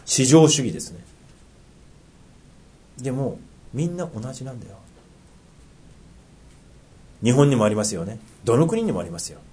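A middle-aged man with a Tohoku accent preaching a sermon, earnest, asking rhetorical questions and dropping into soft asides. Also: medium pitch, big pitch swings, moderate pace, pauses often, breathy edge. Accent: Tohoku dialect. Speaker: pastor.

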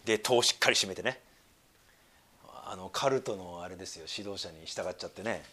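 A man giving a sermon, moving between quiet, low asides and emphatic, slow readings of scripture. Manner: wide swings between hushed asides and emphatic raised reading; slows down to read scripture deliberately. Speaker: pastor.

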